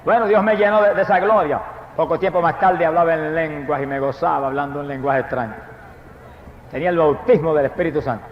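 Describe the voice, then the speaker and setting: Fervent high-voiced man preaching in echoey hall. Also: a little fast, a little hiss or hum. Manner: fervent, bursts into loud praise. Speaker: preacher giving a testimony. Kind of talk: testimony sermon. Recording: echoey, dull lo-fi hall recording.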